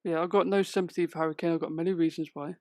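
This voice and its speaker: A man hosting a podcast, speaking slowly and a little formally, with light jokes. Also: on the high side, fairly even intonation, darkish tone, no echo. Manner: slow, slightly formal, joking. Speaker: podcast host.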